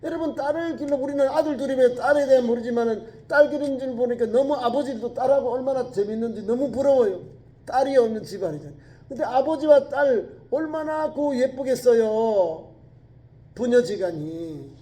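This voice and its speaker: A middle-aged man preaching a sermon in a church, swinging between loud exclamations and soft low asides and acting out quoted speech. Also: normal speed. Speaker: pastor. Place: church sanctuary.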